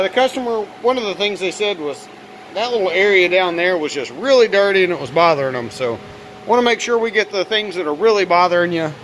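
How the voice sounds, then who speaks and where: Male auto detailer, high-pitched, casual walkaround narration, voice raised over steady fan noise in a garage workshop. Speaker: auto detailer presenting own work. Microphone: handheld phone camera, operator behind it. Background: running fan.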